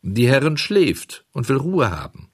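A man reading a storybook and voicing a calm female snail doorkeeper who speaks slowly, with drawn-out, unhurried words. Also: medium pitch, husky, pitched above the performer's own voice. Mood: placid, unhurried.

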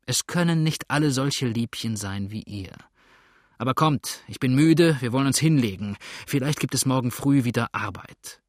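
Give me a sly, growling henchman, low and tired, as a man puts him on. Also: animated, normal speed, no echo, clean studio sound, lightly acted. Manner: low growling, dryly mocking. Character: gruff grown male henchman, sly and weary.

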